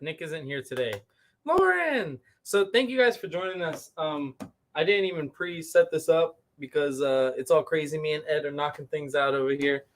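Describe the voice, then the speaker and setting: A man's voice: fairly high pitch, fairly bright tone. A man hosting a shop livestream, informally rambling to viewers as he shows products in a casual chat. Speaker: comic shop livestream host.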